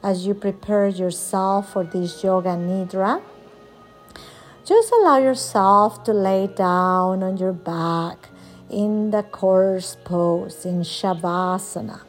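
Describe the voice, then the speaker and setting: A woman softly and soothingly guiding a yoga nidra relaxation as the instructor, leaving long pauses between phrases. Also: mid-range voice, faint music behind. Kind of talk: guided relaxation meditation.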